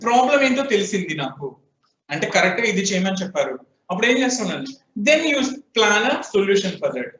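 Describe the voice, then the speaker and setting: A man with a Telugu accent and a high, sing-song, fairly bright voice gives a brisk programming lecture in a classroom, questioning students and prompting them to answer. The lo-fi recording is dull, distant and echoey.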